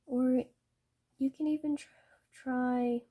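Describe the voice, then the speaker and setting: A young woman explaining paintbrushes in a painting tutorial, hesitant and halting, often correcting herself. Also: high voice, steady tone, warm tone. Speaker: art tutor.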